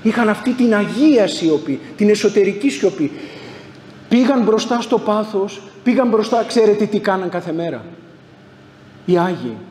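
A male priest with a high-pitched voice delivers a sermon, asking questions and answering them himself, stacking up repeated phrases for emphasis. His voice rings through a large, echoing church with a long reverb tail. A faint hum sits behind him. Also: lively intonation, darkish tone. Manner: rhetorical, asks and answers his own questions; builds emphatic repeated lists. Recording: echoey church hall, faint background hum.

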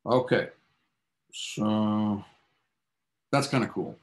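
Extremely slow and in a lowish voice, a man lectures his physics class. He narrates the story behind the science with casual enthusiasm, tossing offhand asides to his students.

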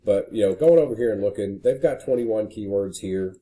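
A man's voice: on the low side, brisk, dark tone. A man casually walking through a screen recording as a marketing consultant, talking with frequent "you know" fillers. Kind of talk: screen-share walkthrough.

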